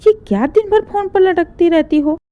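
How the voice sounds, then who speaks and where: A woman's voice: extremely high pitch, moderate pace, narrow, tinny audio, voice pushed up. A woman voicing a sly young daughter-in-law who plays innocent, speaking sweetly and pleadingly. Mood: mock-innocent.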